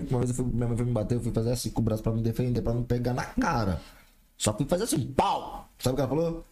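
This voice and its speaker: Slangy man, dark voice. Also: medium pitch, rapid-fire. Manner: slangy, laughs often, animated when telling stories. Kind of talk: casual chat.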